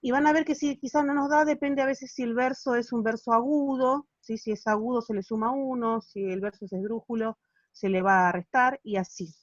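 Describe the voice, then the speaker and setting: Argentine teacher, patient and checking in. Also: female voice, on the high side, steady tone, brisk, dry recording, muffled recording. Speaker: literature teacher. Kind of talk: explaining a class activity on a video call. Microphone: phone or laptop on a video call.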